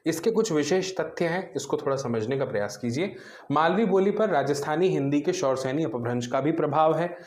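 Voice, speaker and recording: A man's voice: a little high, lively intonation, a little fast, a little mellow, reverberant. A man teaching an exam-prep grammar lecture, explaining step by step and answering his own questions.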